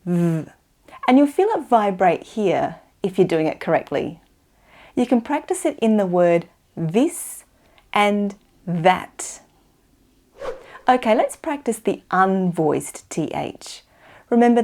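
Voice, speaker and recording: Mellow Australian woman teaching pronunciation slowly. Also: medium pitch, sing-song. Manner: slow, careful enunciation for learners. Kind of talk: instructional pronunciation lesson to camera.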